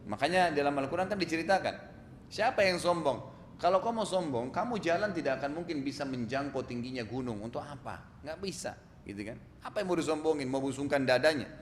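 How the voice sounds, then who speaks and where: A male preacher giving an animated storytelling sermon, asking the audience rhetorical questions. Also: fairly high pitch, brisk, a little hiss or hum. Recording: echoey hall, faint ambience.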